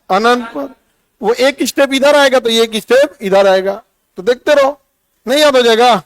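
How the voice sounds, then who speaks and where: A man's voice: extremely high pitch, dry recording. A middle-aged man teaching a physics lesson in a classroom, quizzing and teasing his students by name.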